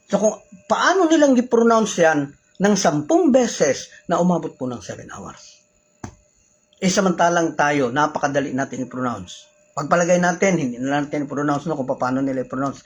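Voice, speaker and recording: A man's voice: on the high side, sing-song, moderate pace, breathy edge, rough recording. A Filipino man with a Filipino accent, teaching religious law in a casual way, switching between Tagalog and English, using polite particles and asking rhetorical questions. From Philippines.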